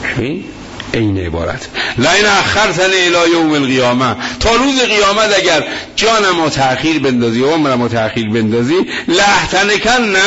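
A male cleric delivering a fiery religious sermon, impassioned and quoting scripture, rising to shouts. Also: sits high. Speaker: cleric preacher. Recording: dull lo-fi sound with faint noise.

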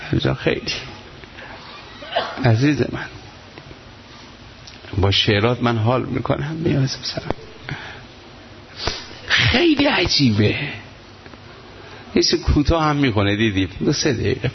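A man leading a mourning gathering, talking casually to the listeners and breaking into slow, wailing chanted elegy. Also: medium pitch, gravelly, background noise. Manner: talks casually to the gathering, then chants in slow, drawn-out wails. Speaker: eulogist reciting mourning elegies. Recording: dull lo-fi sound.

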